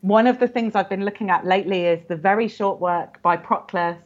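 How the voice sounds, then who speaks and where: A woman's voice: medium pitch, fairly quick. Woman scholar explaining with muffled audio. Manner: earnest, explanatory, frequent "you know". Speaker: guest scholar. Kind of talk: academic interview.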